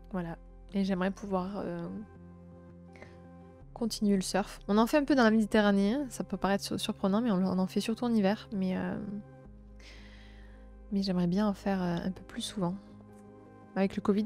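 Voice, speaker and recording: Young southern french woman on a live stream, mellow warm voice, lots of uh's, faint music behind. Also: medium pitch. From south-east France. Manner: gentle, chatty, many fillers and restarts. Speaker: livestream host. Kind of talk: casual live-stream chat, reading chat.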